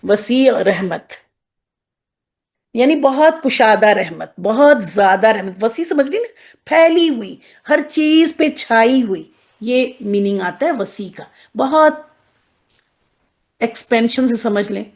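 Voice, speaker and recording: Casting: slightly high-voiced woman teacher, patient, repeats terms slowly, checks in with her class. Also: lively intonation. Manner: checks in often with "okay?", drills words slowly. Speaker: Quranic Arabic teacher. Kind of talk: explanatory lesson to women students.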